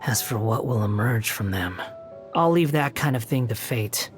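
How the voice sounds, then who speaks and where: An actor plays a youthful male game character, a haughty puppet wanderer with a sardonic edge. He speaks at a middling pitch, deliberate and condescending, as if everyone is beneath him. Music plays behind the voice. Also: lively intonation, close to an everyday voice. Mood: aloof. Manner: condescending, mocking, theatrically deliberate. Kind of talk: video game character voice acting.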